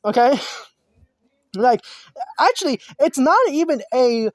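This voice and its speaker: A woman's voice: sits high, lively intonation, slow pace, dry recording. A woman talking outdoors in a casual chat about game balance, chatty and often stumbling and restarting her words. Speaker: gamer giving balance ideas.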